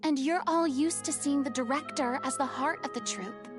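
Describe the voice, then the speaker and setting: Bossy stern young woman, a woman voicing her, high voice, game music clearly behind. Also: moderate pace, natural voice. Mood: earnest. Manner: stern, lecturing. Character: stern, commanding young woman scolding a quarrelling troupe. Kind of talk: video game voice acting.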